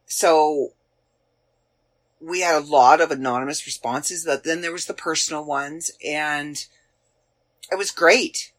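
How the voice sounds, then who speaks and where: A Canadian woman in her forties hosts a podcast, talking casually about past episodes in a deep, unhurried voice with long pauses. She rambles and searches aloud, using many fillers, in her Canadian accent.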